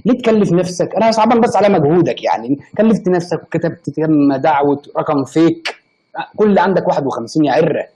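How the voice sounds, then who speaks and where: Brief: young Egyptian male streamer, quick and husky, mellow tone, mock-angry teasing. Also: fairly high pitch, poor audio. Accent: Egyptian Arabic. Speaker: livestream host. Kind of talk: casual live-stream chat.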